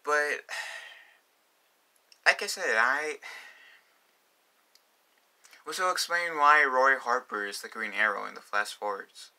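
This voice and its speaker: Bright-voiced young man rambling. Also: medium pitch, takes it slowly, long pauses. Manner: rambling, full of fillers and restarts. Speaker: vlogger. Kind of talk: casual fan vlog.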